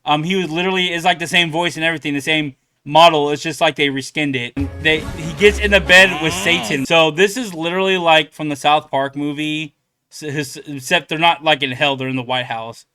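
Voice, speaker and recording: Young male commentator, loose and filler-heavy, bright and smooth, slightly high. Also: brisk, soft background music. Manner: rambling, filler-heavy, laughs often. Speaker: reaction channel host. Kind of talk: casual commentary.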